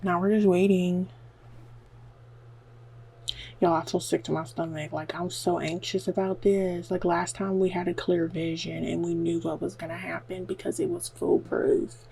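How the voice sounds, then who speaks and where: At home and filming herself dyeing her hair, a beauty vlogger from the American South delivers a rambling, nervous, self-mocking chat to the camera, heavy on "like." Her lowish voice is flat, creaky, and mellow at a moderate pace with hardly any pauses. The recording is rough, with a little hiss or hum.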